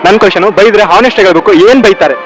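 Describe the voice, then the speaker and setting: A man's voice: high voice, racing, poor audio. A man doing street interviews, teasing people and repeating their answers back to them. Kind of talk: street vox-pop interview. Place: busy street outdoors. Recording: traffic noise behind.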